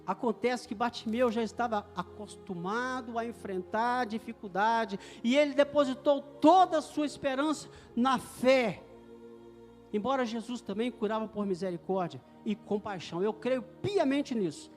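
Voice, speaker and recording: Middle-aged male preacher, very high voice, fervent sermon delivery in an echoey hall with music under. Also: normal speed. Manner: fervent, swelling to loud declarations.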